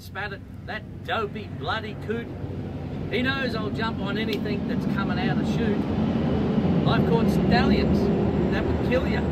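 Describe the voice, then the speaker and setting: A man's voice: sits high, distant mic, very noisy. A man with an Australian accent reciting a comic bush poem with a rollicking rhyming delivery. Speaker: bush poet.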